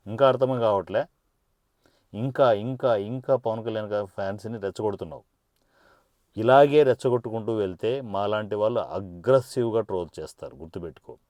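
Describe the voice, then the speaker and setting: A man's voice: lowish voice, dark tone, no room sound, clean studio sound. A man, a political party supporter, delivers an angry and taunting rant that he speaks straight at his target, with threats in it. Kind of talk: angry direct-address rant.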